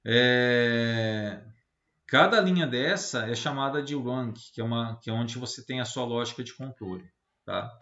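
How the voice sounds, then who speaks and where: A Brazilian man, medium-pitched and a bit bright, speaks at a measured pace while teaching an informal technical lecture. He is didactic, frequently ending points with little tag questions to seek agreement and check understanding. The audio sounds roomy, lo-fi, and slightly muffled.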